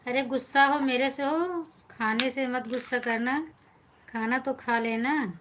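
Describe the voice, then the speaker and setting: A woman's voice: high-pitched, fairly even intonation, unhurried, a bit bright, a little hiss or hum. A woman with an Awadhi accent hosting a live stream, chatting casually with viewers, reading their comments aloud and teasing them back.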